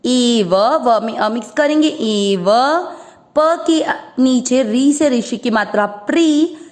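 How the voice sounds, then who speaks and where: A woman's voice: on the high side, lively intonation, takes it slowly, darkish tone. A woman teaching Sanskrit verse pronunciation, patiently breaking words into syllables and stretching out each sound. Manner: patient, drawing out syllables and repeating each word. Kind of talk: slow syllable-by-syllable pronunciation lesson.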